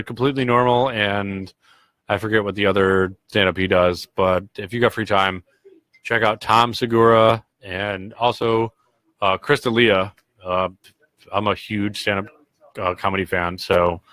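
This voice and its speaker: A man's voice: low-pitched, a bit bright, no room sound. A young man with a cold hosting a casual podcast, rambling and swearing freely. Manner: rambling, profane, laid-back. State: sick with a cold. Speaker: podcast host. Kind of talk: casual livestream podcast chat.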